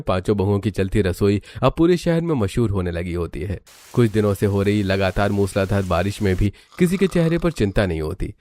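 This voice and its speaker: A man's voice: on the low side, a little mellow. A man reading scripted narration for a cartoon family story. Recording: clearly noisy background.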